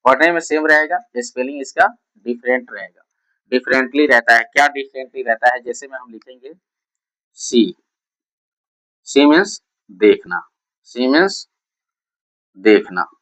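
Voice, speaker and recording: A man's voice: mid-range voice, unhurried, pauses often, a bit bright, poor audio. A man, a tutor giving a lesson in a classroom style, asking questions and answering them himself to drill each point. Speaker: English tutor. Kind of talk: classroom-style lesson explaining English words.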